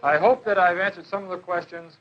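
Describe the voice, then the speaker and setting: On a lo-fi 1970s educational film soundtrack, a police drug educator gives an informal classroom slide lecture. His voice sits high and moves fairly quickly, and he asks questions, repeating and confirming the answers.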